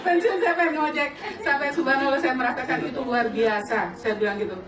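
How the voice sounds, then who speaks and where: A woman in her late forties giving an animated personal testimony to an audience, laughing often and turning to address the listeners directly. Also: high voice, a little fast, a loud crowd, very noisy. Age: late 40s. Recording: echoey hall, distant mic, audience around.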